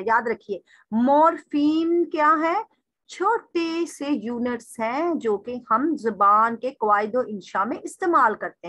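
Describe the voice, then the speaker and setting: Woman lecturer, high voice, dry close sound. Poses her own questions and answers them, drills example words slowly. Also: a bit bright, no room sound. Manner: addresses listeners as "sir" in a formal way. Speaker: teacher. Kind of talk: recorded lecture reading through a text.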